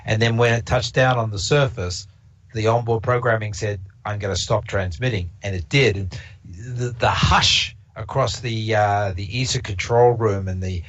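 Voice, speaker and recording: Speaking at normal speed with a fairly low, steady, slightly bright voice, this non-native English speaker from Canada rambles through a casual observatory talk full of fillers and restarts. The stream audio is lo-fi and a little dull.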